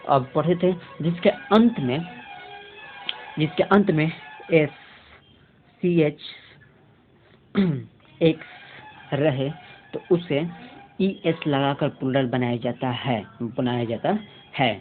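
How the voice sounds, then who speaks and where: A woman teaching an English grammar lesson to children, slowly repeating each word to drill its pronunciation. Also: low-pitched, soft background music. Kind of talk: online grammar lesson in Hindi. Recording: lo-fi phone-like audio, faint hum.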